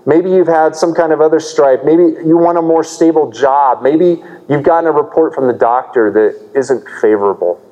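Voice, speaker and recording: A man delivers an earnest sermon from the pulpit, unpacking a passage and asking his listeners questions. His voice is dark and mellow. It rings with the long reverb of a big church hall. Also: on the high side, moderate pace, hardly any pauses. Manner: earnest, explanatory preaching with rhetorical questions. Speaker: pastor.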